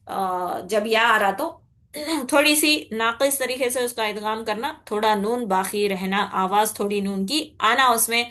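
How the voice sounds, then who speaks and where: Woman recitation teacher, bright clear-ish voice, explains patiently, stretches words out nasally to demo. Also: a little high. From India. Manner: explains patiently, often asks "okay?", demonstrates with slow drawn-out nasal recitation. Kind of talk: tajweed lesson.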